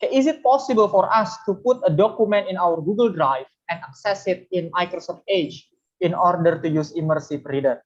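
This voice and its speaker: An English teacher runs an online webinar demo in a casual, chatty way, full of fillers. The voice sits at a middle pitch. The audio is dull and lo-fi, like a typical webinar call. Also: a little fast. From Indonesia.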